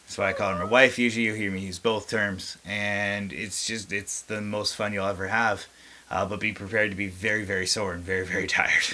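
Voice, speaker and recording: A man with a deep voice that still sounds crisp and forceful. He talks in an easygoing, chatty way, as a wrestler relaxing into an interview. He laughs now and then between answers. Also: flat delivery, fairly quick. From Canada. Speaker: guest, pro wrestler. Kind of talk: casual interview chat.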